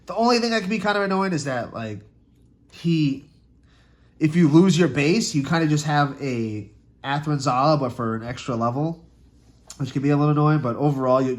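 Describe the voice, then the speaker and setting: A young man casually walking through a trading card deck, with loose, rambling talk, restarts and frequent swearing. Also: mid-range voice. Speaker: card game content creator. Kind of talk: casual deck tech breakdown.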